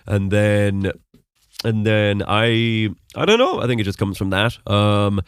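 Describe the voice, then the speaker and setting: In this casual conversational interview, a podcast host from Mullingar in Westmeath, Ireland, rambles through his answers with many ums. He's a young man with a fairly low, smooth voice, lively intonation, and a slow pace, and his fairly neutral Irish accent has notes some hear as American. The sound is clean studio audio without echo.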